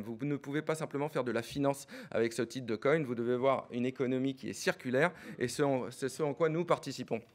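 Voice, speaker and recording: A middle-aged startup executive delivers a quick business pitch packed with fillers and repeated words.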